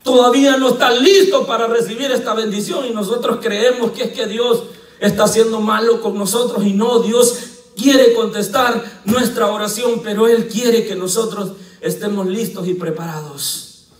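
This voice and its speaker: Impassioned pastor preaching in an echoey church. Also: male voice, high-pitched, steady tone, normal speed. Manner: swings from shouting to hushed, near-whispered pleading. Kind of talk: sermon. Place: church sanctuary. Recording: echoey church hall from far off.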